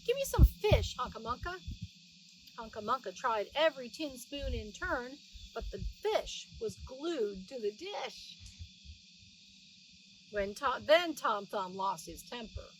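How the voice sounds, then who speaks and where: Slowly and with lots of animation, a middle-aged woman reads a storybook aloud to children in a fairly high voice, adding simple explanations of words along the way. The mic is distant and catches faint background noise.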